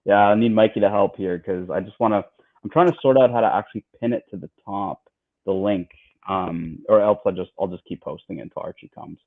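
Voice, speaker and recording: Low-voiced man on a tinny line. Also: a little fast. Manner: relaxed, chatty, many fillers and repeats. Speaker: livestream co-host. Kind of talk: casual livestream chat.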